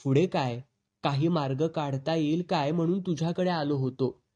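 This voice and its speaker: A man's voice: a little high, fairly even intonation, moderate pace, mellow, lo-fi sound, natural voice. A man voicing a desperate male friend who begs for help, in a helpless, pleading tone.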